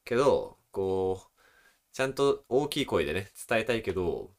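A young man in his twenties co-hosting a relaxed podcast chat, chuckling often. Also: deep voice, moderate pace. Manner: relaxed, chuckling, demonstrates voices. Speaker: podcast co-host. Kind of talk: casual chat.

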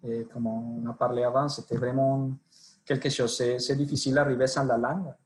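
A man's voice: mid-range voice, little pitch movement, fairly quick, a little hiss or hum. A man in his forties from Colombia, speaking French with a Colombian Spanish accent as a podcast guest, hesitant and full of restarts. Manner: hesitant, frequent fillers and restarts in second language. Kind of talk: casual interview storytelling.

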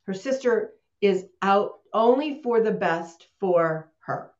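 A woman's voice: mid-range voice, lively intonation, takes it slowly, darkish tone. Female host, casual and talkative, video-call sound in an echoey room. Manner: chatty, laughs often, restarts mid-sentence. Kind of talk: casual talk, live online session. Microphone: computer mic on a video call. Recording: roomy, dull video-call audio.

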